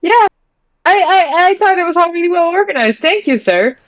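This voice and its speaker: A woman plays a tabletop game, casually role-playing and narrating, often hesitating and repeating words. Her voice is extremely high with lively intonation at normal speed. The mic sounds dry and slightly dull, with no room sound.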